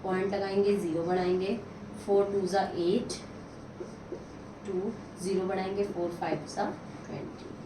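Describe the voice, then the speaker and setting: A woman teaching a maths lesson step by step, counting sums out loud and answering her own questions. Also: mid-range voice, measured pace, long pauses, far from the mic. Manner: counts out sums aloud, mixing in English. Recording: echoey room, voice from off the mic, steady noise.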